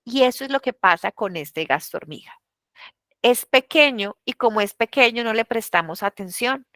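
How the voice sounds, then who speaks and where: A woman leading a virtual financial education workshop, speaking colloquially and telling lively anecdotes. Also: fairly high pitch, moderate pace, dry recording. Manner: colloquial, animated storytelling.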